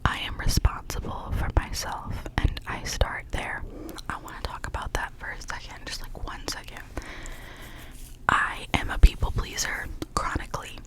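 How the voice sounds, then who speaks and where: In a low-quality recording, an ASMR host whispers positive affirmations as a gentle, encouraging pep talk, slowly repeating phrases again and again.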